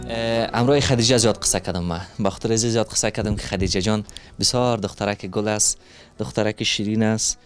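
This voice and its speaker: A man, hosting a street interview with working children and asking them questions in a gentle, coaxing, soothing way full of endearments. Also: lowish voice, fairly even intonation, soft background music. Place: street outdoors.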